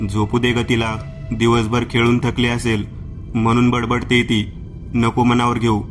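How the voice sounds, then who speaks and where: A man voicing a calm, indulgent old grandmother who soothes the household in a horror story. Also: mid-range voice, a little slow, soft background music, natural voice. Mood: soothing. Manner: soothing, dismissive of worry.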